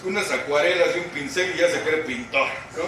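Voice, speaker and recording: A man's voice: a little high, a little fast. A Mexican man telling his recovery story at a group meeting, slangy and profane, acting out what people said. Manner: colloquial, profane, storytelling with acted quotes. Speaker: speaker sharing recovery testimony. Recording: echoey hall from far off, noisy.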